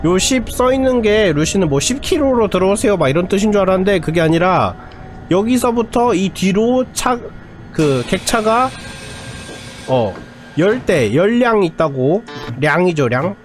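A man's voice: high voice, very animated, a little slow, soft background music. A man giving casual, chatty live gameplay commentary, musing aloud as he goes. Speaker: game streamer.

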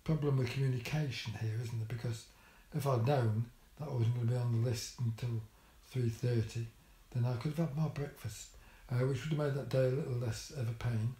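A man's voice: mid-range voice, steady tone, a little fast, hardly any pauses, mellow. An older man telling a story about his hospital visit in a casual vlog, with dry, wry humour and many ums and restarts. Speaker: vlogger. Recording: echoey room.

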